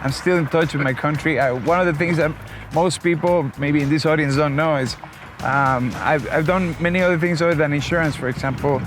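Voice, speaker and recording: A man from Costa Rica speaks as an interview guest, friendly and talkative, often restarting his sentences. His voice sits a little high, and music plays clearly behind him. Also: fairly even intonation, fairly quick. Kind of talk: conversational interview. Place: outdoors in a vehicle.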